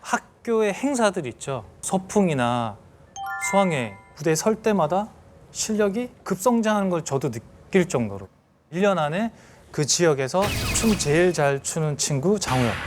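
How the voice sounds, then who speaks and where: A man in his thirties giving a storytelling lecture to an audience, lively and acting out scenes with sound effects. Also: a little high, moderate pace, music in the background. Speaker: celebrity lecturer.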